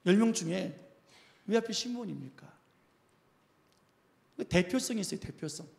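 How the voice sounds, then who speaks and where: A man's voice: high voice, lively intonation, normal speed, creaky. A male pastor preaching a sermon, emphatic and full of repeated questions to the congregation, in a church sanctuary. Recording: reverberant church hall.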